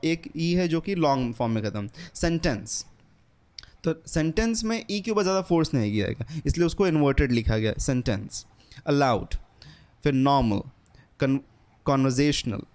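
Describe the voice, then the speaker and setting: A man's voice: a little high, a little mellow. A young man, giving an earnest, casual English lesson and repeating his points, with English words mixed into his speech. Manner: earnest, repetitive, mixes English words into Hindi. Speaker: English teacher. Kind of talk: casual spoken lesson, book recommendation.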